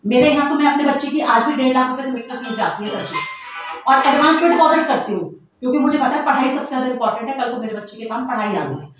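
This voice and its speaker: A woman's voice: high-pitched, fast talker, noisy background. A woman from northern India, a school principal, arguing insistently and repeating her points in a heated dispute about fees. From Uttarakhand, India. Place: principal's office. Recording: muffled echoey room audio from a distance.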